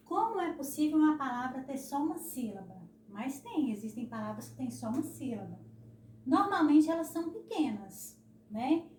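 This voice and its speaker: A woman's voice: high-pitched, very animated, a little mellow, slight background noise. Brazilian teacher woman, echoey and distant. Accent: Brazilian Portuguese. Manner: slow, syllable-stressing explanations with frequent "né?". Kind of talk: recorded classroom lesson.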